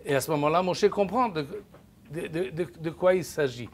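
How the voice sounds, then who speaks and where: With a voice on the high side, an older man of French mother tongue teaches Bible class to a live audience. He has no microphone, so a distant camera catches him in the projector-screen lecture room as he raises his voice, halting and restarting with repeated words.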